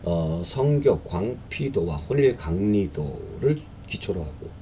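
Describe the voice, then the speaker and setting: Guy doing a history test prep lecture, lowish mellow voice, pitch jumps around a lot, bit of hiss behind. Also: very animated, takes it slowly. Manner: conversational, with frequent fillers and rhetorical questions; reads questions aloud then explains.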